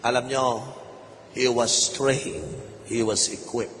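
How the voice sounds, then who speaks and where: Pastor preaching in a reverberant hall. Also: male voice, mid-range voice, takes it slowly, a bit bright. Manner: mixes Tagalog with English phrases, asks the congregation questions. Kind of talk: sermon. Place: church. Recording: reverberant hall, faint noise.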